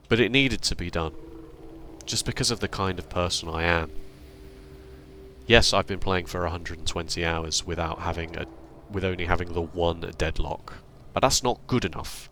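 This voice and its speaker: Deep-voiced man giving dry game commentary. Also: pushed and bright. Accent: British. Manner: dry, self-deprecating, explains step by step. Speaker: gaming channel host. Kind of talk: casual gameplay commentary. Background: faint background music.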